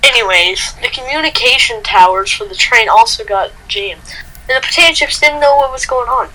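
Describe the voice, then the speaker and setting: A woman's voice: fairly high pitch, a little fast, sharp tone, slight background noise, poor audio. A woman reading a made-up story aloud in a playful way.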